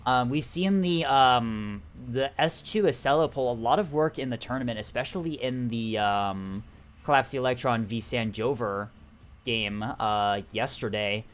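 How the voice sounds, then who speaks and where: Male stream caster, relaxed filler-heavy play-by-play, mid pitch, light music bed. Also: a little slow, clean tone. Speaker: tournament caster. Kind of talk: live-streamed esports commentary.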